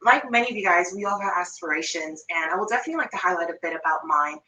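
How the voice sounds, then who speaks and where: She talks very fast in a lowish, expressive, sharp-toned voice: a finance manager in her thirties from Jamaica leading an upbeat online presentation on pay. Her accent is lightly Jamaican, touched by Toronto and New York. Poor audio, recorded far from the mic, sounds roomy with a little hiss or hum.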